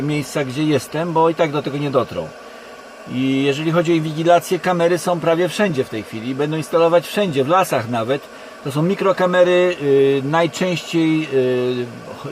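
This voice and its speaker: A Polish man giving a rambling monologue to camera from inside a car, speaking haltingly and often correcting himself. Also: fairly high pitch, rough recording. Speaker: online video creator. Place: inside a parked car in a forest. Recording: constant background noise in a car. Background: steady background hum.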